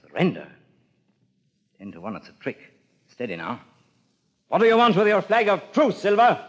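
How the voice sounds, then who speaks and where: An actor playing a stern, resolute sea captain in an audio drama, clipped, commanding and sardonic. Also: male voice, high voice, huge pitch swings, normal speed, full character voice. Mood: alert, suspicious. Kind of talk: audio drama acting on a record.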